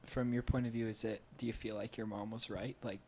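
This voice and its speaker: A man hosting a podcast, friendly and upbeat, moving from a scripted introduction to loose, halting interview questions. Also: fairly low pitch, level tone, vocal fry, darkish tone, slight background noise. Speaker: podcast host.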